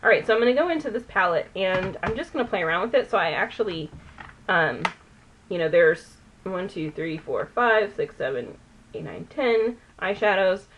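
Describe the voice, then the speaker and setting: A woman's voice: mid-range voice, animated, normal speed, dull audio, slight background noise. A woman vlogger chatting casually while doing her makeup, rambling and often losing a word mid-sentence. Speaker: beauty vlogger. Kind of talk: chatty get-ready-with-me.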